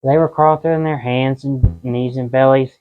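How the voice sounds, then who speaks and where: A man's voice: medium pitch, fairly even intonation, normal speed, narrow, tinny audio, faint music behind. A man giving an informal, folksy guided tour inside a cave, in a conversational way.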